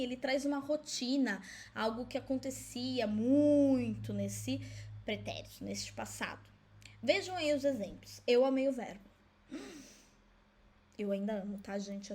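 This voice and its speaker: A woman gives a recorded school lesson in a high voice. She explains patiently, step by step, and keeps checking that her pupils follow. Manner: friendly, explaining step by step, with frequent checks like "certo?"; asks herself pupils' questions in a lighter voice. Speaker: Portuguese teacher.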